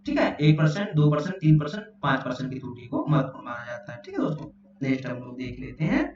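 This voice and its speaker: A man's voice: on the high side, very animated, quick pace, darkish tone, faint music behind. A man teaching an exam-prep lesson, reading out questions and answer options. He repeats phrases and keeps checking in with his listeners. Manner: repeats phrases, often says "theek hai" and "doston". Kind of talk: spoken exam question walkthrough. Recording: echoey, distant, muffled, faint hum.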